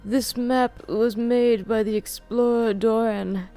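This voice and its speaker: A woman's voice: fairly high pitch, fairly even intonation, slow pace, warm tone, soft background music, voice pushed up. A woman doing an eager, lecturing frail old scholar.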